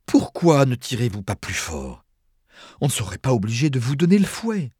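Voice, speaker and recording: A man's voice: sing-song, normal speed, darkish tone, breathy edge, no room sound, studio quality. A man reading an audiobook, putting on a delicate, fussy young woman who exclaims and pleads in a raised voice. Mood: tearful pity. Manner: high, exclaiming, imploring. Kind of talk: audiobook character voice.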